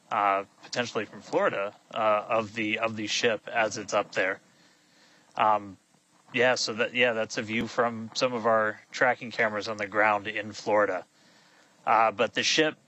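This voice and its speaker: A man giving excited live commentary on a rocket launch, hurried and full of fillers. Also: medium pitch. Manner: excited, quick, with many fillers.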